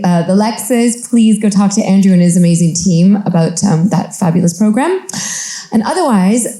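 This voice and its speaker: A woman's voice: mid-range voice, mellow, roomy sound. A woman hosting and moderating a Q and A at a live event, upbeat and effusive in her thanks. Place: event venue with live audience.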